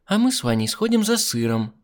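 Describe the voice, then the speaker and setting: A man's voice: high voice, big pitch swings, a little fast, voice pushed up. A man doing a snappish scheming young woman. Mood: sharp, coaxing. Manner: sharp, snappish, falsely sweet.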